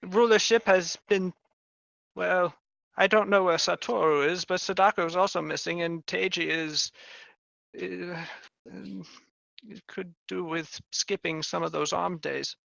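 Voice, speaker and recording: A man runs a tabletop role-playing game, improvising narration with trailing pauses. His voice is high and creaky, recorded dry and slightly dull. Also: fairly even intonation, fairly bright tone, no room sound. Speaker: game master.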